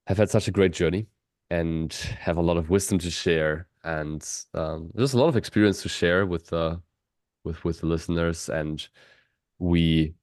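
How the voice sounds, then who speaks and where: A man's voice: sits low, darkish tone, no room sound, studio quality. A man hosting an interview as a coach, friendly and restarting his words often with many fillers. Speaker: host, vegan fitness coach.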